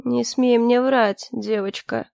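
A woman voicing a suspicious, stern male pirate leader who speaks slowly and with menace in an audiobook. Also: a little high, fairly even intonation, creaky, a little mellow, dry recording. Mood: threatening. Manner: slow, measured, threatening.

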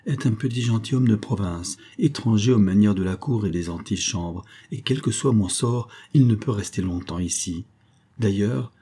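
A man's voice: fairly low pitch, warm tone, husky. A man playing a proud, indignant young abbé. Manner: firm, indignant.

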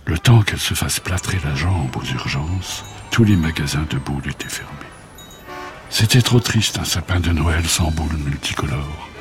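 Storyteller: a man with a very low voice, calm and gentle bedtime narration. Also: moderate pace, over music.

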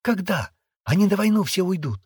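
A man reading aloud and voicing a spirited, bossy little girl who chatters in hushed, urgent tones. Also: sits high, very animated, moderate pace, slightly rough, no room sound, pitched above the performer's own voice, heavily acted. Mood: tearful.

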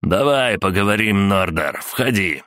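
A man's voice: fairly low pitch, expressive, measured pace, fairly bright tone, dry recording, clean studio sound, voice pushed up. A man voicing a scornful gang leader who mocks and bargains with menace. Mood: menacing bargaining.

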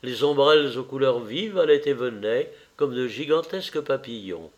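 A man reading a classic novel aloud as an audiobook narrator, measured and deliberate. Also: medium pitch, animated, highs cut off. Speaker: audiobook reader. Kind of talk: slow literary narration.

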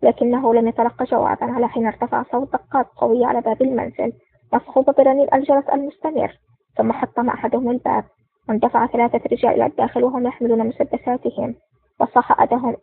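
A woman narrating a spy thriller audiobook in a quick, even reading, on a dry, tinny line. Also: on the high side, creaky, husky, dry recording. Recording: dry, tinny phone-like sound.

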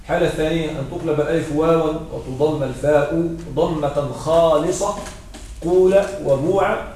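A man's voice: fairly high pitch, fairly even intonation, fairly quick, darkish tone, a little hiss or hum. A male teacher giving a classroom grammar lesson, explaining patiently, repeating his points and checking that a student follows. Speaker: Arabic morphology teacher. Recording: very echoey room, voice heard from far off.

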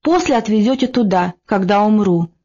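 A woman reading an audiobook, voicing a dying, meek old hunchback monk with slow, plaintive speech. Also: medium pitch, expressive, warm tone, muffled recording, close to an everyday voice.

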